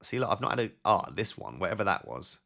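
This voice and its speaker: A young man with a low, gravelly voice chats casually on a live stream. He reads viewers' messages out loud and answers them on the spot, thinking aloud as he goes with plenty of fillers and restarts. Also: very animated, fast.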